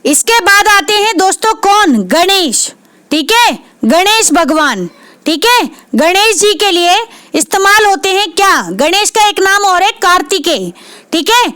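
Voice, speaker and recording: A woman's voice: very high voice, a bit bright, dry recording. A woman teaching Hindi vocabulary for exams, repeating each word and asking and answering her own questions. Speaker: Hindi literature exam tutor. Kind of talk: exam prep lesson.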